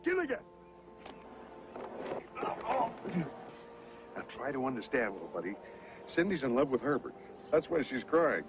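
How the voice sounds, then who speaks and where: A man's voice: moderate pace, very noisy, natural voice. A man playing a hearty, exasperated old sea captain. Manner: booming, scolding a friend fondly.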